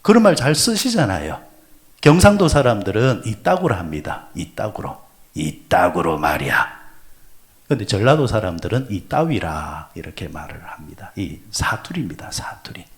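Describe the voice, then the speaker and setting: A male pastor preaching an early-morning prayer sermon. He asks the congregation questions and answers them himself, and he moves from loud exclamations to soft, breathy asides. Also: fairly low pitch, big pitch swings, a little fast. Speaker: senior pastor.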